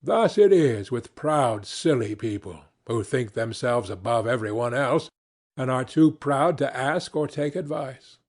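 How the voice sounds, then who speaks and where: Narrating a fairy tale for an audiobook, this male reader uses a mid-range voice and a storytelling manner that is both measured and expressive.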